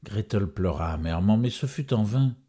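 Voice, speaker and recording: A man telling a fairy tale as a storyteller. His voice is very low, dark and husky. His intonation rises and falls widely. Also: lively intonation, moderate pace.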